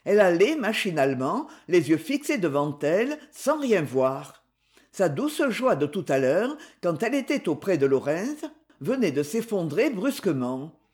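Steady storytelling from a woman narrating a novel. Her voice moves with lively, expressive pitch. The reading is clear and unhurried.

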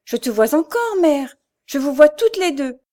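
A woman voicing a soft, pleading young girl. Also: high voice, sing-song, a little slow, voice pushed up. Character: gentle young woman hiding her failing sight.

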